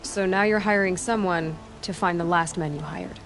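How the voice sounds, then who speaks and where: An actress playing a sharp, skeptical young huntress who questions bluntly and dryly, in video game dialogue. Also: female voice, lowish voice, normal speed, music in the background, natural voice.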